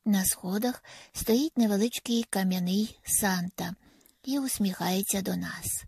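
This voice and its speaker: Brief: female audiobook narrator, gravelly, intimate, half-whispered at times, medium pitch. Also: measured pace, darkish tone, dry recording. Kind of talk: first-person audiobook narration.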